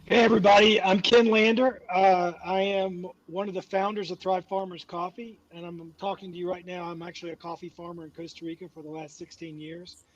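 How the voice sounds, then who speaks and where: A man's voice: high-pitched, flat delivery, brisk, hardly any pauses, no echo. A man, a coffee farmer and company founder, speaks remotely from a mountain farm in an upbeat, enthusiastic way. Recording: distant, dry, dull remote audio.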